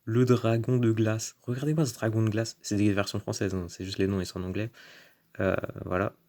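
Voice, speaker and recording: A lowish-voiced man talks through his collectible cards in a casual vlog. He fills gaps with "euh" and "hein" and drags out each card name with eager relish. The tone stays loose and unscripted. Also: a little mellow. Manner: chatty, trailing fillers like "euh" and "hein"; enthusiastic, drawn-out card names. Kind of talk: casual unboxing-style vlog commentary.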